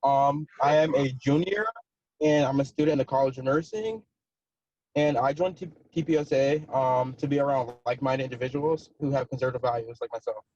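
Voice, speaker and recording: A young man, a student, calling in to a video meeting from his car while driving, giving a polite, slightly halting introduction. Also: mid-range voice, steady tone, darkish tone. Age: young adult. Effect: call audio from a phone while driving. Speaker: student club member. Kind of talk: casual self-introduction. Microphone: phone on a video call. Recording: dull, dry lo-fi call audio.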